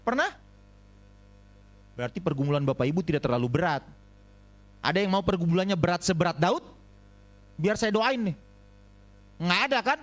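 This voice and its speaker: A man preaching a sermon as pastor, animated, swinging between high exclamations and low asides and calling on the congregation for amens. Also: normal speed, long pauses. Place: church.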